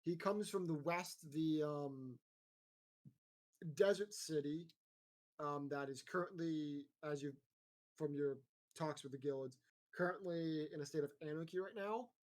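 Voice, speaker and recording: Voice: mid-range voice, measured pace, long pauses, darkish tone. A game master narrating a tabletop game in a casual, rambling way full of fillers.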